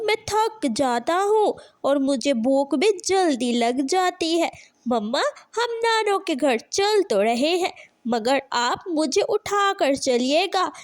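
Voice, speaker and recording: A woman's voice: high-pitched, no room sound, clean studio sound, full character voice. A woman voicing a lazy, greedy little boy crow who whines and begs for food in a cartoon. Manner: whining, begging for food.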